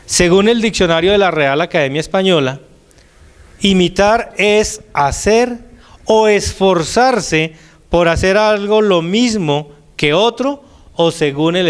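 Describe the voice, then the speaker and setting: Older male lay minister, sermon delivery, somewhat high pitch, deliberate emphasis. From Colombia. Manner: deliberate, slows and drops his voice on key words.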